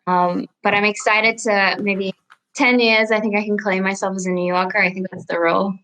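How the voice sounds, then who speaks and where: A young adult woman from Australia with an Australian accent, chatting casually as a podcast guest, relaxed and full of ums and likes. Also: medium pitch, normal speed, slight background noise, poor audio. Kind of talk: casual interview chat.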